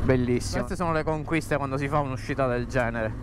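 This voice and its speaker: Male motovlogger, thirties, medium pitch, enthusiastic, recorded inside a helmet over noticeable bike noise. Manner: enthusiastic, talking in short phrases. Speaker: motorcycle vlogger. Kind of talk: motovlog commentary while riding. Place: outdoors on a motorbike, inside a helmet. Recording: motorcycle and outdoor ambient noise.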